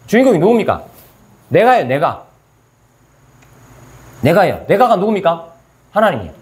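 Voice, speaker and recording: Lively high-voiced preaching man. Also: normal speed. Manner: asks the congregation questions and answers them himself; acts out God's words in casual speech. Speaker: pastor. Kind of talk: sermon.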